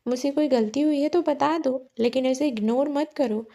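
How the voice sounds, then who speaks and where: A woman's voice: sits high, moderate pace. A woman voicing a hurt young wife who accuses her husband through tears. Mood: hurt, accusing. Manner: tearful, accusing, sharp.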